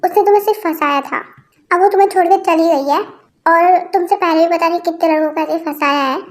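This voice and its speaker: A man's voice: very high voice, fairly even intonation, fast. A woman voicing a blunt adult male friend who delivers news matter-of-factly, in a read-aloud fan story.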